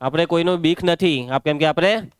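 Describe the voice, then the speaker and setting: A young man with a Gujarati accent, working as a maths teacher, runs a live classroom lesson briskly and with authority, calling on pupils by name and shushing them when they chatter. His high voice stays smooth and clear. The recording is close and dry, without room echo.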